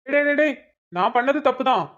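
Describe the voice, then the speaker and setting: A woman's voice: high voice, expressive, fairly quick, a bit bright. A woman voicing a male friend in a cartoon who complains and teases in banter. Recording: dull lo-fi recording.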